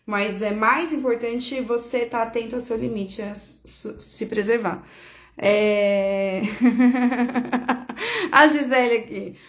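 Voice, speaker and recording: A woman's voice: fairly high pitch, steady tone, takes it slowly. A woman from Brazil, hosting a casual horoscope chat, talking affectionately, laughing often and correcting herself as she goes. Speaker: astrologer host. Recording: echoey room.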